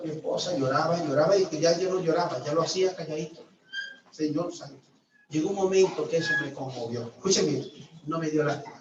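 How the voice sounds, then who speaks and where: A male pastor from Venezuela giving a sermon testimony, telling his story with sudden loud outbursts and hushed asides. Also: on the high side, a little hiss or hum. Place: church hall. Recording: distant echoey church room, dull sound.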